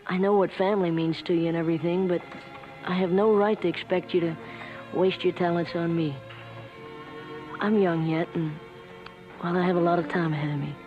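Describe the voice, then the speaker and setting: A young actor playing an earnest, gentle young man who speaks softly and pleads hesitantly, in 1960s TV western acting. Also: high voice, fairly even intonation, fairly quick, pauses often, natural voice. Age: young adult. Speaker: young singer visiting his uncle. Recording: dull vintage TV soundtrack with music.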